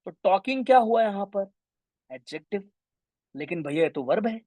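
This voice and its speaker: A young man teaching English grammar in an online exam-prep class, energetic and mixing English terms into his talk. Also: high-pitched, moderate pace, no room sound. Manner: energetic, mixes Hindi with English terms, addresses students as brothers.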